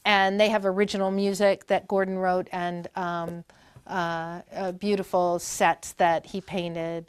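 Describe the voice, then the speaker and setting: With a lowish, clear and resonant voice and little pitch movement, a Maine woman in her fifties talks unhurriedly with no echo. She is a performer and guest at a library talk, telling family stories in a chatty, rambling interview with many fillers and restarts.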